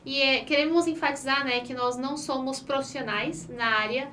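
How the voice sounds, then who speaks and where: Young brazilian woman hosting a podcast, high voice, sounds a bit off-mic with faint noise. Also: steady tone, moderate pace, bright, forceful tone, recorded from a distance. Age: 20s. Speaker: podcast host. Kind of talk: casual podcast chat.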